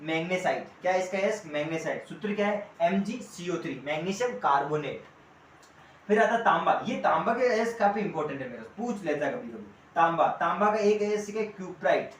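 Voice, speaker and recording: A man's voice: sits high, animated, brisk. A man teaching an online coaching class in a chatty way, calling students by pet names and quizzing them as he goes. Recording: echoey room with faint ambient noise.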